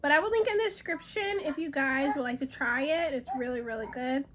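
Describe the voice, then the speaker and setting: Casual home-kitchen vlogger mom with a high voice, chatty and guiding a child; faint background hiss. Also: female voice, fairly quick. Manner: chatty, guides a child through baking. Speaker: vlogger and mother. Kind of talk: casual vlog chat.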